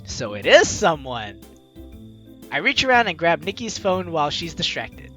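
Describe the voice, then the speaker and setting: With music in the background, a low-pitched woman speaks at normal speed and in a very animated way as she plays through a game. She reads the narration expressively and tosses in giggly, playful remarks.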